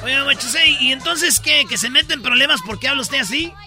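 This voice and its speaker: High-voiced teasing co-host. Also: fairly quick, over loud music. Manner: teasing questions. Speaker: radio co-host. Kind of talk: casual chat.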